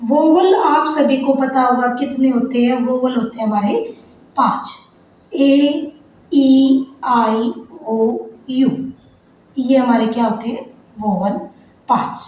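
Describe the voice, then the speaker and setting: A woman's voice: high-pitched, normal speed, darkish tone. A woman teacher giving a grammar lesson, asking the class questions and answering them herself. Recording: very echoey room, faint noise.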